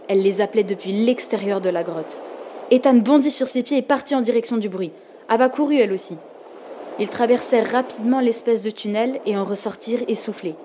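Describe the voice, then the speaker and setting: A woman narrating a storybook with calm, expressive reading. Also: a little high, slight background noise.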